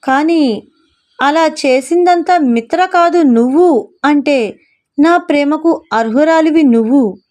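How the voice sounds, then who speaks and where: A woman's voice: high voice, slow pace, long pauses, a little mellow. A woman voicing a remorseful young man who reproaches himself and explains earnestly in a storybook reading. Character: remorseful young husband, regretful lover.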